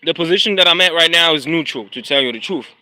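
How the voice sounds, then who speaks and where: A man's voice: on the high side, expressive, quick pace, bright, forceful tone, dry recording, low-quality recording. Slangy South African man streaming outdoors. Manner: rambling, slangy, apologetic about glitches. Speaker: rapper and vlogger. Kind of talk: casual live-stream chat. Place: outdoors on a neighborhood street. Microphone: phone.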